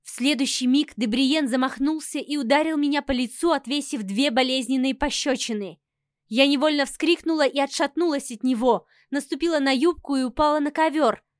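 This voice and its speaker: A woman narrating a first-person audiobook in an expressive, dramatic manner. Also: sits high, fairly quick, dry recording, studio quality.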